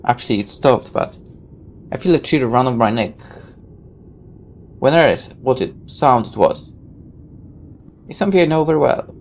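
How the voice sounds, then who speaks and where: Reading a visual novel's text aloud, this woman adds sarcastic, irreverent remarks as offhand commentary during her playthrough. Her bass voice is expressive, her pace moderate with frequent pauses, and a slight hiss or hum sits under the audio.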